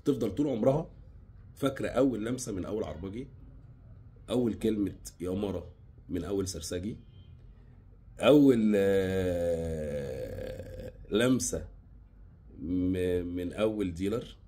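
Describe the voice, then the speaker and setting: A man with an Egyptian Arabic accent giving impassioned advice, scolding with sarcasm one moment and pleading in low, earnest tones the next. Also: measured pace, long pauses, warm tone, husky. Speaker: advice vlogger.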